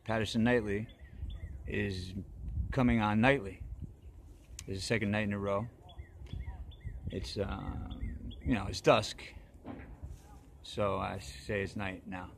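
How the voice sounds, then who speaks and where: A man with a fairly low voice talks off the cuff as host of his own nightly vlog, stumbling through ums and restarts. His humor is dry and deadpan, and faint outdoor noise sits behind him. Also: slow pace, gravelly, pauses often. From northeastern United States. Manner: hesitant, full of ums, dry joking. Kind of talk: rambling casual monologue. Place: outdoors at dusk.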